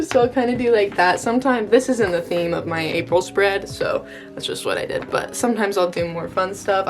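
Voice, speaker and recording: Valley girl-style young American woman, chatty vlogger. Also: medium pitch. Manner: valley girl delivery, frequent "like" and "totally cute", gushing. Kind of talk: casual chatty vlog showing a journal. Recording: music behind the voice. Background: background music.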